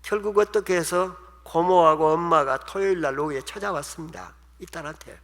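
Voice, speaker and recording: Male preacher, bright higher voice, emotional storytelling sermon, church hall echo. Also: a little fast. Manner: emotional, acts out quoted voices. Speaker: pastor. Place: church sanctuary. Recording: long hall reverb.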